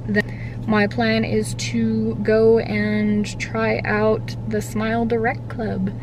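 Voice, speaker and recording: A woman's voice: on the high side, level tone. Young woman rambling after wisdom teeth, noisy car. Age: 20s. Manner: halting, filler-heavy, trailing off. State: slightly puffy-cheeked after wisdom teeth removal. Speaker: vlogger. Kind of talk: casual rambling vlog to camera. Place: inside a parked car. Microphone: camera or phone at arm's length on the dashboard. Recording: car interior with clear background hum.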